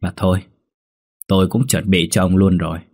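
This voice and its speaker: A man's voice: low voice, fairly even intonation, normal speed, a little mellow. A man voicing a cruel, arrogant young man who speaks in a mocking, dismissive way.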